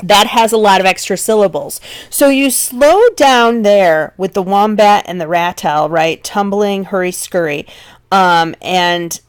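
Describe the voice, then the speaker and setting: A woman's voice: mid-range voice, a little slow, clear, resonant tone. Conversational woman lecturing on literature. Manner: conversational, checks in with "right?". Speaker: literature teacher. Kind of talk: recorded lecture.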